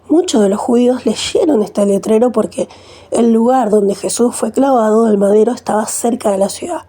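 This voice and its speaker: Woman Bible reader, steady delivery, dark mellow tone, slightly high voice. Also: breathy edge. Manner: steady reading with small slips. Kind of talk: scripture reading.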